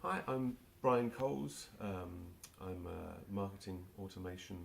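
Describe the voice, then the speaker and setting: At a measured pace, a low-voiced man with vocal fry answers interview questions amid slight background noise. He's a London-accented marketing automation specialist from England in his forties, and his speech is hesitant, with many fillers and restarts.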